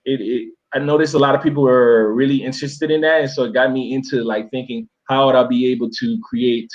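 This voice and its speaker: A man from Miami, talking as a guest in a casual, rambling way full of fillers and restarts. His voice sits at a middle pitch. It comes through a dull, lo-fi remote call line. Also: fairly even intonation, fairly quick. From Miami, USA. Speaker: interview guest, travel YouTuber. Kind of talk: casual conversational storytelling.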